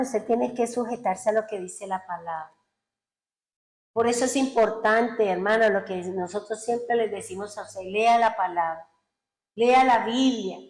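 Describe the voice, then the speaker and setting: A woman's voice: medium pitch, a little mellow. Woman pastor preaching in an echoey room. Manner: earnest preaching with exhortations and retold conversations. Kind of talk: sermon.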